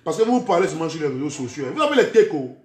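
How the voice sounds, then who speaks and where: High-voiced Cameroonian man, heated and threatening. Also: very animated, racing, reverberant. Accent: Cameroonian French, mixing in Camfranglais. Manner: threatening, heated, keeps repeating "man" and "vrai". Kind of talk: angry rant filmed for social media.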